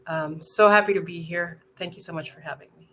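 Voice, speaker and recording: A woman's voice: fairly low pitch, steady tone, brisk, sharp tone, a little hiss or hum. A woman from Costa Rica who leads marketing, introducing herself cheerfully on an online panel over a video call. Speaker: marketing lead.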